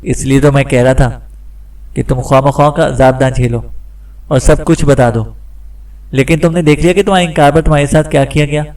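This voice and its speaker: Brief: narrator voicing a sharp male agent, cold and in control, set back from the mic. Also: mid-range voice, fairly even intonation, fairly quick, far from the mic, natural voice. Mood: cool. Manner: cool, commanding.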